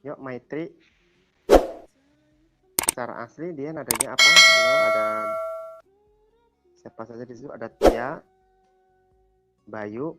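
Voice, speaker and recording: A man's voice: mid-range voice, slow pace, pauses often, over loud music. A man teaching a language class over a video call, quizzing students and patiently repeating their answers. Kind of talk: online class lesson.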